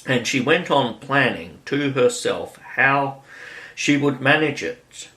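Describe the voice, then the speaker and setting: A man narrating a classic storybook audiobook in a measured, unhurried way. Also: mid-range voice, lively intonation, sharp tone, rough recording. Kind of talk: scripted narration.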